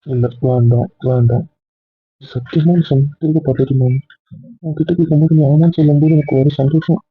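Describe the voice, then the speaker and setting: A young man playing an insecure young boyfriend who coaxes and pleads with a husky voice, in a web drama. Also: on the high side, fairly even intonation, normal speed, no echo, faint music behind. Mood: pleading. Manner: coaxing, pleading. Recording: dry, phone-like thin recording.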